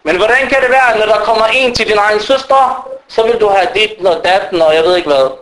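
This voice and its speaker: A man's voice: sits high, low-quality recording. A male preacher giving a sermon, telling stories and acting out the people in them. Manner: animated storytelling that acts out quoted people.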